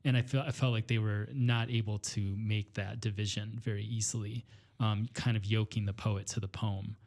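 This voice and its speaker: A man from northwestern Illinois, a poet and teacher, speaking reflectively as a podcast guest, pausing often with fillers and restarting his sentences. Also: fairly low pitch, level tone, a little mellow. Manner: thoughtful, hesitant, many fillers and restarts. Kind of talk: reflective conversation.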